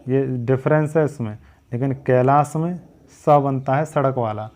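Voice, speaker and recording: A man's voice: medium pitch, normal speed, darkish tone. A man teaching a spelling lesson, drilling each word by repeating its wrong and right forms.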